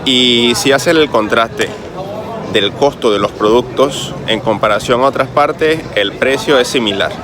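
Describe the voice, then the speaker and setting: A man's voice: medium pitch, measured pace, a crowd in the background. A man from the Caribbean with a Caribbean Spanish accent, explaining things to viewers in a chatty travel vlog, recorded outdoors on a city street. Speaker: travel vlogger. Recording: clear street noise behind voice. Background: traffic and street ambience.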